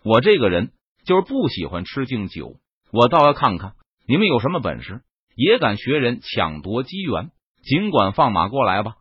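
A man playing a calm, cool young hero. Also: mid-range voice, moderate pace, slightly rough, no room sound, lo-fi sound. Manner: cool and composed, a bit mocking. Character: calm, unflappable young male cultivator hero.

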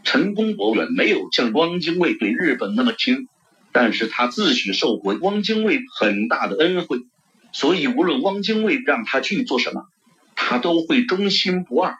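Guy reading a novel aloud, really animated intonation, mid pitch, dull audio. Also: moderate pace. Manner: expressive storytelling. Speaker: audiobook narrator. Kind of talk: novel narration. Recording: dull lo-fi recording.

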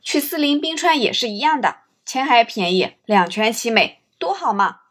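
A woman's voice: fairly high pitch, expressive, moderate pace, a bit bright. Woman doing a grumbling male tour driver. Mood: coaxing. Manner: colloquial, complaining, emphatic. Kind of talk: acted quote in narrated story.

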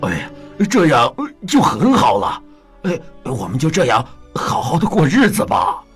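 A woman's voice: a bass voice, huge pitch swings, normal speed, faint music behind, pitched below the performer's own voice, full character voice. A woman voicing a meek, worried old fisherman in a fairy tale, hesitant and pleading with many sighs.

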